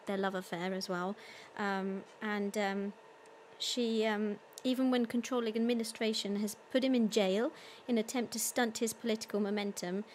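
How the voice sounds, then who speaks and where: A woman in a casual live-stream chat between songs, talking in a slightly high voice with plenty of ums as she reads out comments from viewers. Her easy, unscripted delivery sounds relaxed and conversational. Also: a little hiss or hum. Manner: chatty, with many ums, reading out viewer comments. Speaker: concert host and singer.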